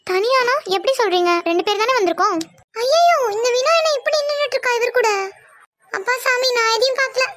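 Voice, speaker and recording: A woman's voice: quick pace, background noise. A voice actor playing a stubborn young woman in a cartoon who keeps answering back with questions. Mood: defiant. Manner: squeaky, defiant questioning.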